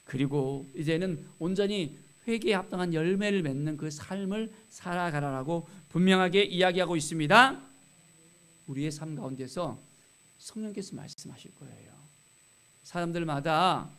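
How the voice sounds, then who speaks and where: Male pastor, high-pitched voice, emphatic sermon style with rhetorical questions. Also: a bit bright. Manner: reads scripture aloud slowly with emphasis. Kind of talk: expository sermon on scripture.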